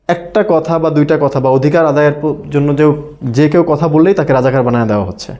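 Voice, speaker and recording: A man's voice: fairly high pitch, mellow. A middle-aged man from Bangladesh, an ESL teacher lecturing a class, often asking the students questions and acting out tones of voice.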